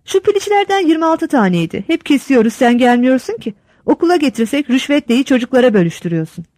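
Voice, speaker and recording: A proud, chatty village instructor bubbles over as he shows off his yard, as a woman puts him on. The voice rides high with big pitch swings and sometimes shouts. The recording is dry and close. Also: fast talker, no echo. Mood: eager. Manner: excited, shouting to his wife. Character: eager male village instructor, proud and talkative.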